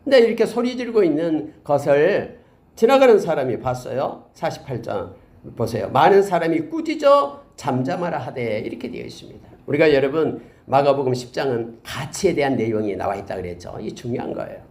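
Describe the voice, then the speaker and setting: A male pastor giving a Bible teaching sermon, speaking to his listeners directly and building up to loud, emphatic peaks. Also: mid-range voice, expressive, brisk.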